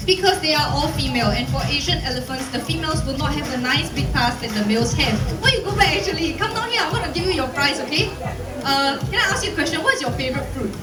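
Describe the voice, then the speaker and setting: At a zoo's open-air covered viewing stand, a playful, cheery woman with a Singaporean accent presents a live zookeeper talk and coaxes her audience to join in, her high voice expressive and quick. It's filmed from the audience, far from her handheld PA mic, with echoey PA speakers and music behind.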